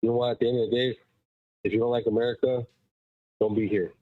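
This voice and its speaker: Here a man with a medium-pitched, fairly flat voice talks quickly while power walking and calling into a show. It's casual, rambling call-in chat, emphatic and packed with fillers. There's no room sound, but the tinny phone line leaves him muffled, as if behind a wall.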